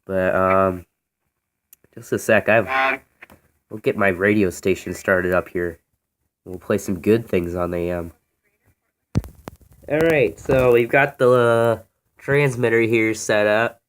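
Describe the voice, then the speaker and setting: Filmed on a handheld phone, this American hobbyist offhandedly demonstrates an old radio in a lowish voice, speaking slowly with frequent pauses. Clicks and noise run through the video.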